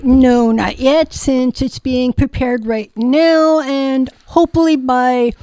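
A woman's voice: sits high, fairly even intonation, slow pace, warm tone, no echo. A woman co-hosting a radio show in casual, unscripted conversation.

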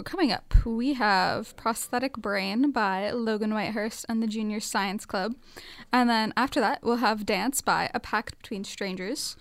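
A woman's voice: on the high side, no room sound. A woman hosting a radio show, presenting in a casual, chatty style.

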